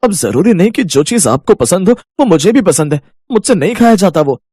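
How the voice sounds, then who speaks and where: A man's voice: high-pitched, sing-song, a little fast, dark tone, husky, dry recording, clean studio sound, heavily acted. A man voicing a picky young schoolboy in a Hindi cartoon, complaining about the food at home.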